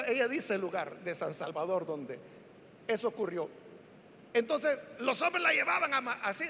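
High-pitched preacher man, emphatic, echoing hall. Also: slight background noise. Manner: emphatic, rising into shouts on key words; builds lists with repeated phrases. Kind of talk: sermon. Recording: long hall reverb.

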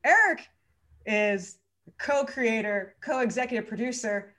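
A woman's voice: fairly high pitch, slow, pushed and bright. A woman hosting a rewatch podcast, upbeat and welcoming as she introduces her guests. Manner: upbeat, welcoming, laughs often. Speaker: podcast host. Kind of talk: casual podcast chat.

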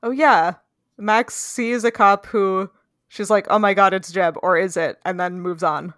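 A woman's voice: medium pitch, steady tone, fairly bright tone, no echo, studio quality. A woman co-hosting a casual book-club podcast, asking puzzled questions and laughing easily. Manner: quizzical, quick to laugh. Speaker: podcast co-host.

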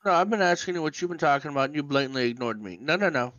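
A man co-hosting a casual podcast through a thin headset microphone that sounds like a tin can phone, cutting in with quick questions. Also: on the high side, a bit bright, dry recording. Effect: thin headset mic sounding like a tin can phone. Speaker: podcast co-host. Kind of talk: casual chat. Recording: dull, lo-fi compressed headset mic.

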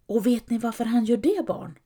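A woman's voice: on the high side, animated, slightly rough, voice pushed up. A woman reading an audiobook voices a tired young farm wife and mother who answers breathlessly and tells her children a tale. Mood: storytelling. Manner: breathless, gentle storytelling to children.

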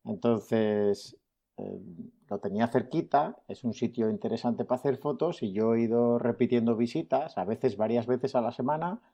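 A man's voice: mid-range voice, moderate pace, dark tone, highs cut off. A man being interviewed as a nature photographer, talking in a chatty, good-humoured way. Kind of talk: casual interview.

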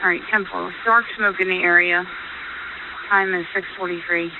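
Woman police dispatcher on police radio; brisk, clipped codes; tinny, hissy line. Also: lowish voice, steady tone. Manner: brisk, businesslike, reads out times and codes. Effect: police radio transmission.

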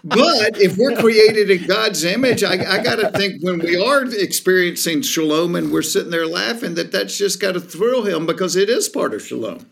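Comedian guy talking about faith and humor, gravelly, kinda high voice. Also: animated, moderate pace, hardly any pauses, a bit bright. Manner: reflective, earnest, self-deprecating. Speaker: comedian guest. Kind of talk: casual chat.

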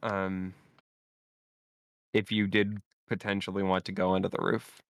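A man's voice: deep voice, level tone, clean tone, no echo, clean studio sound. Laid-back man running a tabletop game. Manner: casual, laughing easily, halting with fillers. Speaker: game master.

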